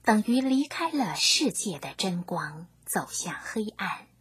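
A woman narrating a scripture story, reading gently in a half-whispered way. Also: medium pitch, big pitch swings, a little slow, a crowd in the background.

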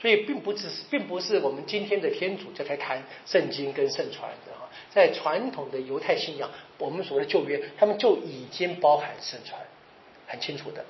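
Guy lecturing on the bible, kinda high voice, chatty, keeps asking the room "right?", echoey muffled recording. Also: lively intonation, a little hiss or hum. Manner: conversational, often checks in with the audience with rhetorical questions; ends phrases with drawn-out particles. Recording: roomy, slightly dull recording.

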